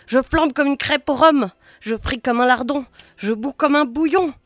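A woman voicing a furious old grandmother witch in a storybook reading, shrieking loudly. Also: high voice, moderate pace, no room sound, studio quality. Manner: shrieking, very loud.

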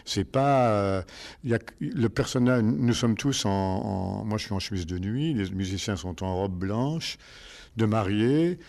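An older man, a stage actor, answering interview questions in a rambling, halting way with many restarts. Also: lowish voice, creaky, a little mellow.

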